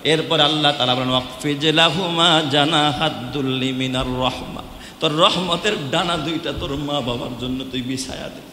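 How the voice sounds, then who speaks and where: Fervent preacher, bright and echoey. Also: male voice, a little high, slight background noise. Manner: swings from loud fervent shouting to hushed scolding; chants Arabic verses in a drawn-out melody. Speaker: Islamic preacher. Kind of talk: impassioned sermon to a live congregation. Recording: echoey live hall recording.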